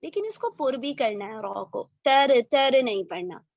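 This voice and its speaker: A woman teaching Quran recitation online, drawing verses out slowly for repetition, then correcting and praising briskly. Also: high-pitched, very animated, no room sound, muffled recording. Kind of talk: online tajweed lesson, call and repeat.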